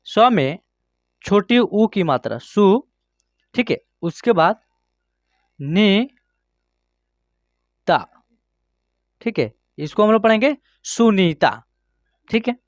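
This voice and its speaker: A man's voice: high-pitched, animated, no room sound, lo-fi sound. A man teaching Hindi reading in an online class, sounding out each word syllable by syllable and drawing words out as he checks that students follow. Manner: slow, drawn-out word-by-word pronunciation with frequent check-ins.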